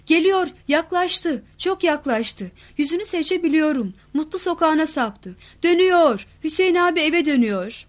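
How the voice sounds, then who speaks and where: Shrill teen boy yelling news, all worked up, high voice, story reading, woman putting it on. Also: fast talker, few pauses. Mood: excited. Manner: shrill, excited calling out. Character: excitable adolescent neighbor boy shouting news.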